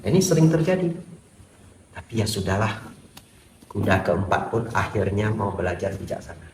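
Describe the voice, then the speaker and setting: A man, a Buddhist monk, gives a lively sermon full of humor and rhetorical questions in a temple hall. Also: lowish voice, moderate pace, a little hiss or hum. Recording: echoey hall, far from the mic.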